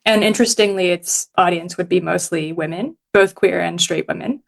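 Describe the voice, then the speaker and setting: Speaking at a moderate pace, this woman's low-leaning voice carries vocal fry. She's a journalist from Hong Kong on a podcast, chatty and casual, with plenty of fillers and laughter.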